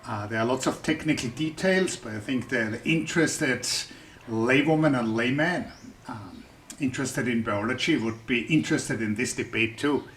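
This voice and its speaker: A science YouTuber with a German accent explains a scientific debate for a general audience, chatting and thinking aloud and often restarting his sentences. His voice sits at medium pitch, moves at normal speed, and sounds a bit bright against slight background noise.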